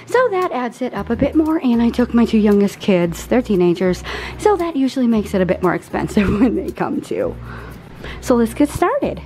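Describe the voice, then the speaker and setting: A woman's voice: fairly high pitch, very animated, moderate pace, a little mellow, soft background music. A woman in her forties chatting casually at home as she goes through her grocery haul item by item. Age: 40s. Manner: chatty, friendly product rundown. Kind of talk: casual chat.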